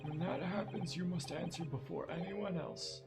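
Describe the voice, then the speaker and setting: A courteous elderly professor with a raised, formal voice, as a man puts him on. He speaks in careful, measured sentences, with game music playing clearly behind him. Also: sits high, low-quality recording. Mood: grave.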